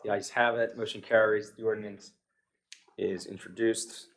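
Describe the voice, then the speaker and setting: In a township public meeting room, an American man presiding over the session reads lengthy legal text aloud, formally and procedurally. His voice is fairly low and a bit bright, with little pitch movement and a normal speed.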